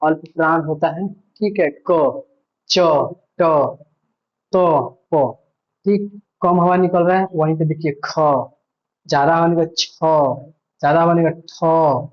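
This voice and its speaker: A man's voice: on the high side, little pitch movement, moderate pace, muffled recording. A male teacher giving an online grammar lesson, patiently repeating points and asking himself questions.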